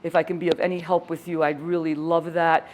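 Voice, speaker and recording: A woman in her sixties leading a workshop for trainers, lively and enthusiastic as she teaches and tells stories. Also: low voice, fairly quick. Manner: energetic, enthusiastic storyteller. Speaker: fitness educator leading a workshop.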